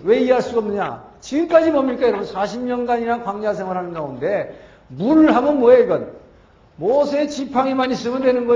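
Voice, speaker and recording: A man giving an animated Bible lecture, often asking the audience rhetorical questions and acting out quoted lines. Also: extremely high pitch. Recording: roomy, dull lo-fi sound.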